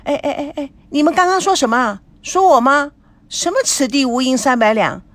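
Woman reading as a spoiled, excitable teen girl in a storybook, high, whiny, jumpy delivery; dry close sound. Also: no echo, close to an everyday voice. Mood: pouting. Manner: whiny, pouty, rapid questions.

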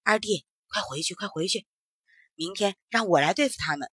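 A woman's voice: medium pitch, animated, normal speed, fairly bright tone, husky, no room sound, studio quality. Woman voicing an urgent caring eldest brother.

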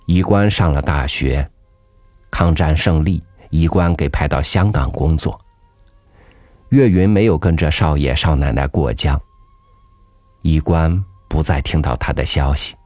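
A man reading a story aloud in a calm, measured storytelling voice. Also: rumbling low, no room sound. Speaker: audiobook narrator. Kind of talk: scripted storybook narration. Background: soft background music.

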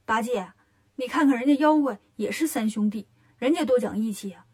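A woman's voice: a little high, fairly quick, a little mellow, lightly acted. Woman doing a cocky teasing monkey king. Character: Sun Wukong, cocky mischievous monkey king.

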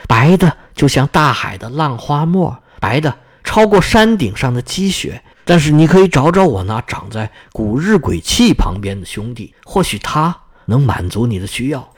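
男人配的童话白玫瑰树，慢悠悠轻声说. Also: male voice, medium pitch, very animated, normal speed, few pauses, slightly rough. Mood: calm.

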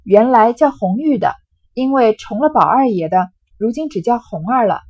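A woman voicing a clever seventeen-year-old maid who answers in crisp, concise sentences. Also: fairly high pitch, animated, moderate pace, a little mellow, muffled recording. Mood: amused.

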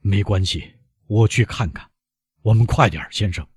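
A man's voice: lowish voice, slightly rough, no echo, studio quality. A man voicing a grave older doctor who speaks coldly and evenly. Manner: cold, measured.

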